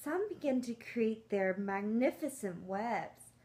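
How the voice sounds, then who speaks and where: A woman's voice: on the high side, lively intonation, slow pace, warm tone. A woman reading a picture book aloud to young children, coaxing them along with simple questions. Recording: clearly noisy room.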